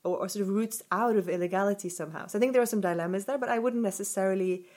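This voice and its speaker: A woman's voice: medium pitch, rapid-fire, darkish tone. A woman researcher answering interview questions thoughtfully, with frequent fillers and hedges. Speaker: researcher guest. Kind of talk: podcast interview.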